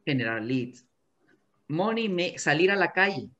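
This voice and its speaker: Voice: mid-range voice, sing-song, measured pace, fairly bright tone, lo-fi sound. A real estate sales coach giving an emphatic coaching talk to agents, often repeating key phrases.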